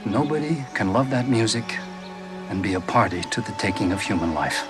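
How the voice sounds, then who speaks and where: An American man plays a genial, expansive antiques and manuscripts dealer, a jazz lover, who chuckles while he talks. His lowish voice is animated and close to an everyday voice, at normal speed, with music in the background.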